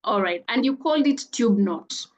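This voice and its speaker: A woman's voice: fairly high pitch, lively intonation, moderate pace, highs cut off. A woman hosting an online interview with a graduate, upbeat and full of praise. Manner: upbeat, effusive praise with frequent "amazing". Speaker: host.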